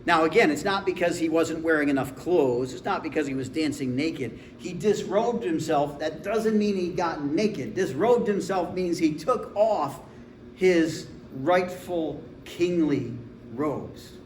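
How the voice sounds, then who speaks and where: Pastor in his 40s preaching, kinda high voice, chatty and jokey, echoey church room with faint hum behind. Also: unhurried. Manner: conversational, humorous storytelling. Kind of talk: sermon. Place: church sanctuary.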